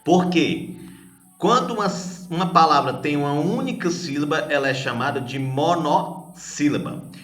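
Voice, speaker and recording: A man, a teacher, patiently correcting a grammar worksheet for children, asking questions and answering them himself, spelling out syllables slowly. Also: fairly high pitch, animated, fairly bright tone. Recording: echoey room.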